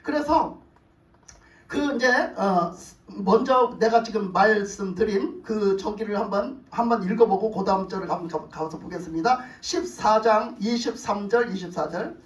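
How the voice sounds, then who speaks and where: A male pastor preaching a sermon, retelling the story with animated acted voices and rhetorical questions to the congregation. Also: high voice, moderate pace, echoey room, far from the mic, poor audio. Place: church sanctuary.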